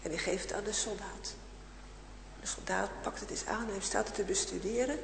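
A woman telling a children's story aloud, expressive, switching to hushed whispers for suspense and acting out the characters. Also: medium pitch, a little fast, vocal fry. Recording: echoey hall with long reverb, faint hum.

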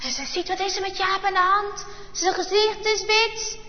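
High-voiced woman telling a children's story. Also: normal speed, in a large hall, muffled recording. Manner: lively storytelling, voices the characters, asks the children questions. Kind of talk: Bible-class children's story narration.

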